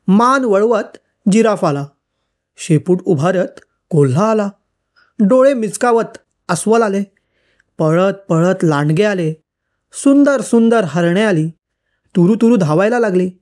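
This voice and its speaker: A woman reading an old school-textbook story for children aloud, in a lilting, expressive storybook manner. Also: medium pitch.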